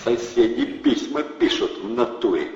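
A man voicing a loud, brash young male hustler who bellows in slang. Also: medium pitch, expressive, moderate pace, roomy sound, big-room sound, lo-fi sound, voice pushed up, lightly acted. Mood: boisterous.

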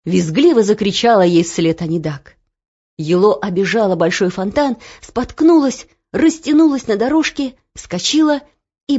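A woman narrates a story with a husky, breathy voice and lively swings in pitch. Her telling is dramatic and animated. The recording sounds dull and lo-fi. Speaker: audiobook narrator. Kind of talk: expressive audiobook narration.

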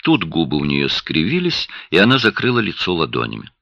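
A man narrating an audiobook in an expressive, dramatic reading style. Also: sits low, a little fast, vocal fry, no room sound. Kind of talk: scripted narration. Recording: dry, dull lo-fi sound.

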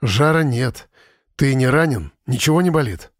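A man's voice: medium pitch, lively intonation, moderate pace, no room sound, studio quality, natural voice. A man voicing an agitated, caring father in his own voice. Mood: worried. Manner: agitated, impatient.

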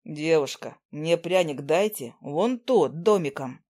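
A woman's voice: deep voice, expressive, slow, darkish tone, voice pushed down, exaggerated voice. A woman doing a pushy, hungry customer man. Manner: insistent, blunt, drawling. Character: hungry, pushy young man buying gingerbread.

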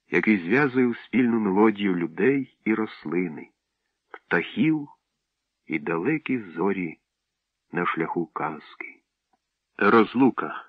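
A low-voiced male audiobook narrator reads a story steadily and clearly, in a measured yet expressive way. The sound is dull, lo-fi, close and dry, with no room sound at all.

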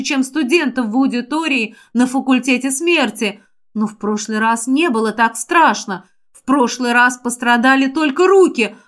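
A woman narrating a first-person fantasy audiobook in an emotional, expressive way. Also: high-pitched. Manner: emotional, expressive reading that rises sharply in distress.

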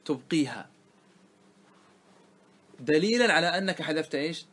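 A man's voice: on the high side, animated, normal speed, fairly bright tone, husky. A man, a religious scholar, teaching a grammar lesson to a class, often quizzing his students and repeating the key points.

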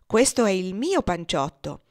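A woman's voice: medium pitch, very animated, unhurried, a little mellow, no echo, clean studio sound. A woman doing a careless mocking master. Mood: teasing. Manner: offhand, teasing.

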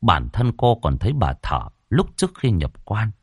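In a low, lively voice that swoops up and down, a man reads a ghost story. He slows for the suspenseful moments, and there's a breathy edge to his delivery. The recording is close and dry, with no room sound.

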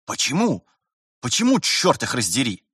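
A man's voice: mid-range voice, huge pitch swings, normal speed, fairly bright tone, husky, dry recording, clean studio sound, pitched above the performer's own voice, heavily acted. A man voicing an indignant young trainee. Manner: indignant, pleading questions. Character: eager, aggrieved young male trainee.

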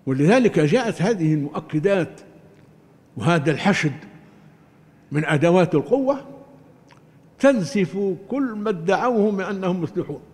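An older man teaching Quran commentary in a deliberate, emphatic lecture style, often restarting his words. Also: sits high, expressive, darkish tone. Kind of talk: religious lecture. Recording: long hall reverb.

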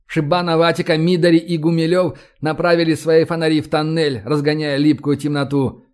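A man narrating an audiobook in a steady, measured reading voice. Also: fairly high pitch.

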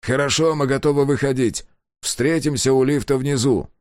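A man voicing a gruff male commander who speaks tersely. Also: mid-range voice, fairly even intonation, normal speed, darkish tone, no room sound, clean studio sound, voice pushed up, close to an everyday voice.

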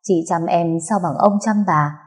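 A woman's voice: on the low side, a little slow. A woman voicing a chiding, teasing partner. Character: teasing, sensible man, narrator's partner.

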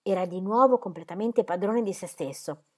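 A woman narrating an audiobook of a historical novel, with an expressive, even reading. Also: medium pitch, normal speed. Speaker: audiobook reader.

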